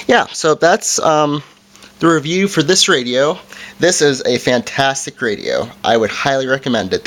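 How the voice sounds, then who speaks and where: Testing a product hands-on, a man reviews it casually in his mid-range voice, stumbling a bit and fixing his own wording as he talks.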